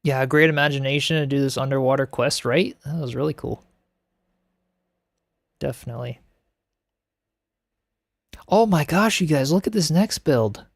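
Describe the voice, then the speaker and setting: A man's voice: mid-range voice, moderate pace, creaky, pauses often, no echo. A man streaming a game live, chatting in an upbeat way with plenty of laughs and filler words. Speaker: game streamer reacting to builds. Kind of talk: casual live-stream commentary.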